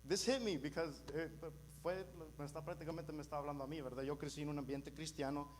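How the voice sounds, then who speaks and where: Halting young man with American-accented Spanish. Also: a little high, steady tone. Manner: halting, searching for words, switches between Spanish and English. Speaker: church teacher at a youth service. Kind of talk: informal religious teaching to a congregation. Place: live in a church meeting. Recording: clearly noisy with mains hum.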